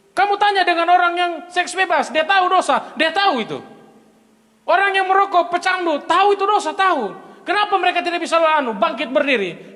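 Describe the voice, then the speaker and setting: A man preaching a sermon as pastor, emphatic and swinging between loud and soft delivery. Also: extremely high pitch, big-room sound. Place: large church hall.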